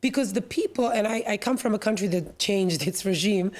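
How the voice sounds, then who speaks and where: A woman from Serbia, a panel guest, speaking in a measured, deliberate way with some hesitation. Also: medium pitch, darkish tone. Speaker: panel guest, NGO vice president. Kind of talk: panel discussion.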